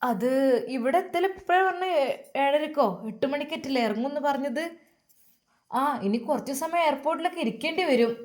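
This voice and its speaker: A woman's voice: high-pitched, animated, brisk, pitched above the performer's own voice. A woman voicing a devout, tender elderly mother with a Malappuram Malayalam accent, talking fondly and full of blessings. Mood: chatty. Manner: fond, blessing and doting.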